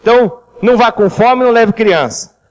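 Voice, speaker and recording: A man preaching a seminar on finances, lively and speaking directly to the congregation. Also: very high-pitched, moderate pace, big-room sound, low-quality recording. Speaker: pastor leading a finance seminar. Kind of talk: sermon with storytelling.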